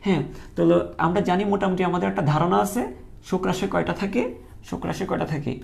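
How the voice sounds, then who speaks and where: Gravelly male teacher drilling key terms. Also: sits high, steady tone, fast. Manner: repeats key terms as questions, drilling students. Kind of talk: online lecture.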